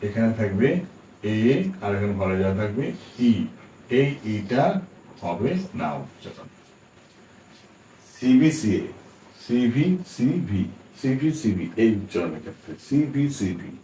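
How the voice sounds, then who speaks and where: A Bengali-speaking man teaches English pronunciation in a fairly low, warm, expressive voice, speaking a little slowly as he patiently spells out letters and often checks that his students are following. The recording sounds echoey, with him distant from the mic and a faint hiss in the background.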